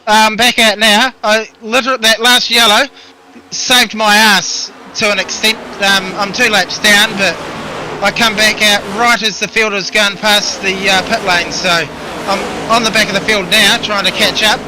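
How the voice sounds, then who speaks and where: A man's voice: high voice, little pitch movement, unhurried. A man with a New Zealand accent, a racing driver chatting casually mid-race in a laid-back, slangy way. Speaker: racing driver being interviewed. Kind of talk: casual chat during a race. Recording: clear buzzing engine noise. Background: buzzing engine.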